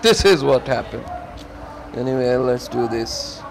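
A man's voice: medium pitch, expressive, a little slow, creaky, background noise. A man reading a text adventure aloud while playing, swearing in frustration and speaking in broken grammar. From Pakistan. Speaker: gamer and channel host.

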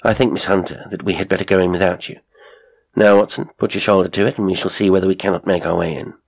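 A man acts out a keen, commanding storybook detective. He speaks briskly and with authority, in a gravelly, husky voice. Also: low-pitched, fairly even intonation. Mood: urgent. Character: sharp, commanding male detective. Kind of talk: audiobook character acting.

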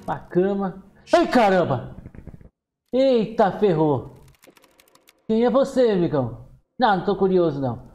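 A man with a Brazilian accent giving excitable commentary on a horror game, exclaiming and talking back to the characters on screen. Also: high voice, measured pace, pauses often, poor audio. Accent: Brazilian Portuguese. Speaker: gameplay streamer.

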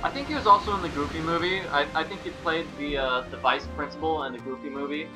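A man's voice: a little high, quick pace, over music, poor audio. A man giving casual, off-the-cuff commentary as host of a video game playthrough. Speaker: let's play host.

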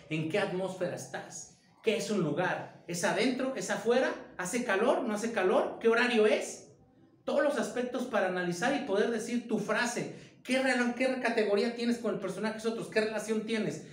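In an echoey room where his voice rings slightly, a high-voiced theater director leads an informal acting lesson. He speaks with emphasis and keeps firing off rhetorical questions.

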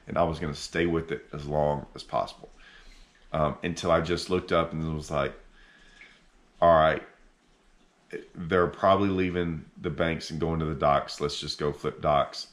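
Low-voiced man talking casually to camera. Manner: animated, gesturing with his hands, thinking aloud with many restarts. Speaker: fishing channel host. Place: living room, seated on a couch indoors. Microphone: camera in front at sitting distance.

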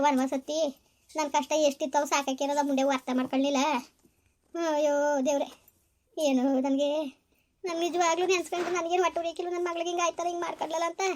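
A woman playing a grieving mother-in-law in a village skit, scolding and pleading with repeated questions. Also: very high-pitched. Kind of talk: village comedy skit acting.

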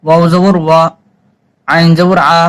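Slow, higher-voiced male recitation teacher. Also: little pitch movement, a bit bright, low-quality recording. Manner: slow, drawn-out syllable-by-syllable spelling and chanted recitation. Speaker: Quran reading teacher. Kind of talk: spelling-out recitation lesson.

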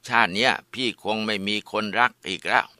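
A man's voice: lowish voice, a little fast, sharp tone, no room sound, clean studio sound. Man voicing a sad, humble young villager. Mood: resigned.

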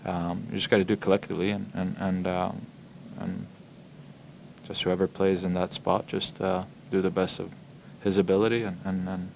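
In a press room set against a logo backdrop, a young hockey player fields postgame questions through table mics. He sounds low and gravelly, stays fairly flat in pitch, and stumbles along with frequent ums and repetitions amid faint background noise.

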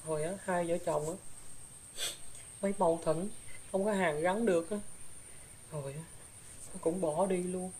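A woman's voice: fairly low pitch, steady tone, normal speed, long pauses, a little mellow, slight background noise, lightly acted. A woman with a Southern Vietnamese accent voicing the ghost of a young woman, a gossip who now regrets her deeds, rambling through her story with filler particles. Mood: rueful telling. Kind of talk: spirit possession drama.

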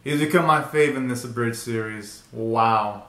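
A young man hosts a reaction video from a small bedroom, his commentary casual, slangy and exclamatory. His mid-range voice is unhurried, pushed and bright. The room sounds roomy and echoey.

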